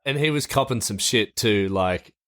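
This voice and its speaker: A man's voice: lowish voice, normal speed, fairly bright tone. A man co-hosting a casual podcast discussion who gives blunt, opinionated takes and swears freely. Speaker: podcast co-host.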